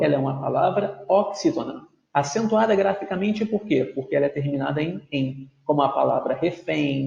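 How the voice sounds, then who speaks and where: Recorded in an echoey room with dull, lo-fi audio, this grammar teacher has a fairly high pitch, vocal fry, and a darkish tone. His video lesson is patient and explanatory, spelling words out slowly syllable by syllable and frequently asking students things like "tudo bem?".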